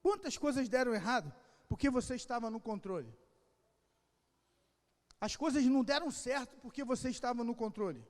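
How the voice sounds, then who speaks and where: A man pastor preaching an impassioned sermon with a Rio de Janeiro accent, swinging between shouted calls and quiet asides. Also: extremely high pitch, expressive, normal speed, long pauses. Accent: Rio de Janeiro Portuguese. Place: church hall. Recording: long church hall reverb.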